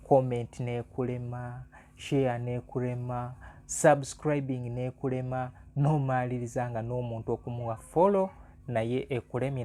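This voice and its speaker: A Ugandan man who analyzes music and hosts his own channel talks conversationally in an informal music vlog, repeating phrases for emphasis. His voice has a medium pitch and a dark tone.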